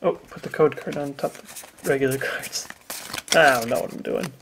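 A young man reading out card names in a drawling, deadpan way with wry jokes during a casual chat. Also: mid-range voice, normal speed, noisy background. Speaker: guest co-host.

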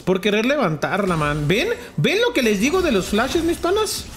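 Excitable high-voiced Mexican gamer man. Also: a little hiss or hum. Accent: Mexican Spanish. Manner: excitable, rapid repetitions, frequent swearing, mixes in English words. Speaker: gamer streamer. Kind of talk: live gameplay commentary.

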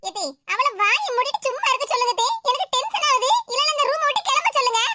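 A woman's voice: very high-pitched, expressive, fast talker, sharp tone, no room sound, exaggerated voice. A woman voicing a touchy young cartoon girl who keeps complaining about her sister, with a Tirunelveli Tamil accent. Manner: whiny, complaining. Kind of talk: cartoon voice acting.

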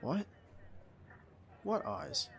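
A man voices a young male field agent in an ASMR roleplay audio drama, playing a doting, stubborn, playful boyfriend. He draws out his words in a slightly bright voice. His tone is tender and teasing, affectionate yet protesting.

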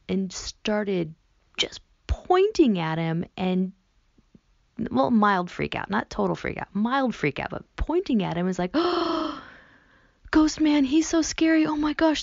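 A woman podcast host talks chattily in a slightly low voice with plenty of vocal fry. The recording is dry and a little dull. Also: no room sound.

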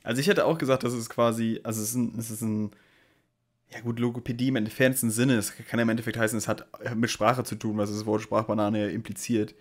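A man's voice: medium pitch, steady tone, fast talker. A man on a casual podcast chat, rambling and searching for words as he guesses. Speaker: podcast co-host.

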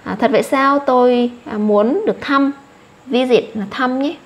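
A woman with a Vietnamese accent teaching English vocabulary to children. She repeats each English word slowly, then explains it. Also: sits high.

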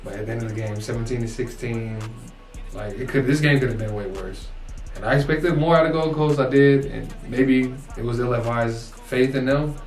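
Young dude rambling through a game recap, echoey room, far mic, bit of music behind. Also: male voice, medium pitch, moderate pace. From United States. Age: young adult. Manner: rambling, lots of restarts and "like". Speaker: co-host. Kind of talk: casual sports recap chat. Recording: roomy echo, distant mic, faint music.

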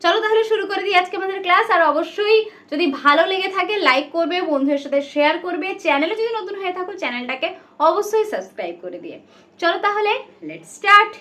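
A woman teaches a demo lesson to imagined pupils. Her voice sits high and swings widely in pitch. She asks questions, answers them herself and slips English words into her teaching. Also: lively intonation, fast, bright, forceful tone. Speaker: teacher giving a demo class.

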